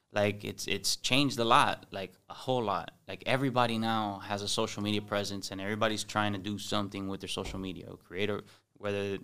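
A man with a Miami accent talks fast in a casual podcast chat, with a smooth, clear voice. He acts out his encounters with strangers in animated bursts and mixes Spanish into his English. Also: lowish voice. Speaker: podcast guest, comedy influencer.

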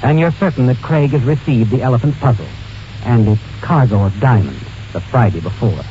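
This suspense tale comes from a man with a medium-pitched voice who talks a little fast, narrating ominously like a 1940s radio drama and calling the character "you." Dramatic music plays beneath the muffled, aged radio recording.

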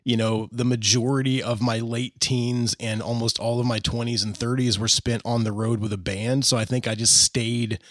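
A man's voice: medium pitch, flat delivery, moderate pace, few pauses, dry recording, clean studio sound. Chatty forty-year-old man hosting. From Indiana. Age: 40s. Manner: chatty, laid-back, says dude and man a lot. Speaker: podcast host. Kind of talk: casual interview. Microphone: phone line recording.

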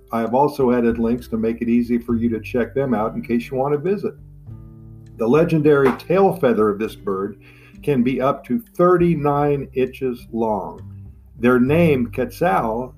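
Guy doing nature documentary style podcast narration, medium pitch, enthusiastic, plucked guitar playing behind him. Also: darkish tone. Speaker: podcast host. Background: plucked guitar music.

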